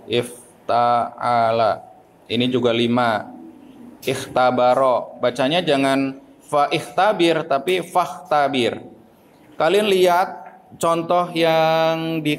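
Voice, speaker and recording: Slow, deliberate male grammar teacher. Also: a little high, low-quality recording. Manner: slow and deliberate, explains with questions to the class. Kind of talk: classroom lesson.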